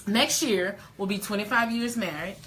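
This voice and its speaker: A woman's voice: mid-range voice, normal speed, a bit bright, slight background noise. A woman in her late forties hosting a casual live chat, emphatic and folksy, repeating words for stress. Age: 40s. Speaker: host.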